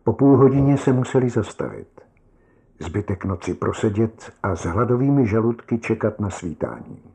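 A man narrating a short story in a measured, calm audiobook reading. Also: on the low side, vocal fry.

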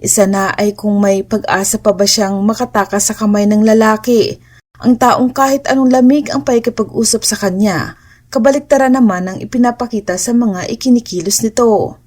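A woman narrating an audio romance story in an even, measured storytelling manner. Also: medium pitch.

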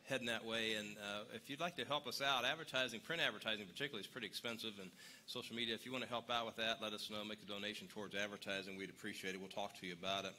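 A man's voice: lowish voice, fairly even intonation, very fast, bright, forceful tone, a little hiss or hum. A man giving casual announcements at a church service, chatty and rambling, joking with the congregation.

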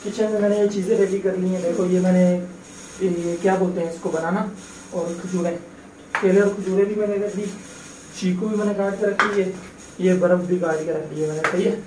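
A young Pakistani vlogger chats easygoingly with viewers, calling them brother, while making a shake in his home kitchen and later waiting in a car at a drive-through. His voice sits high with a steady tone and a slightly fast pace, captured on noisy handheld phone audio.

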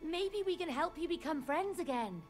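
Brisk worried mom, very high voice, crisp commands. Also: female voice, animated, faint music behind. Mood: urgent. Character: worried mother, brisk and practical.

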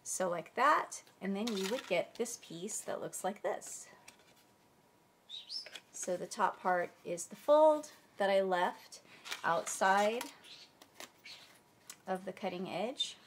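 Speaking slowly and expressively in a mid-range voice, a crafting channel host pauses often as she walks through a casual tutorial at her table. A little hiss or hum sits under the audio. She's friendly and chatty, a bit stuffy and under the weather with a cold, and sometimes searches for the right word.

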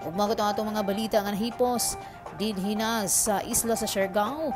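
A woman's voice: medium pitch, brisk, over music. A woman reporting the news in a formal broadcast delivery.

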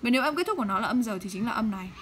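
A woman teaching English pronunciation in Vietnamese, modeling English words slowly and checking often with her students. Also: fairly high pitch, lively intonation, slight background noise. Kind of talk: pronunciation lesson.

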